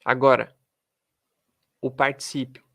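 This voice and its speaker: Slow-speaking male English teacher. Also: medium pitch, flat delivery, gravelly, a bit bright. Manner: switches between Portuguese and English, models pronunciation slowly. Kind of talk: English lesson taught in Portuguese.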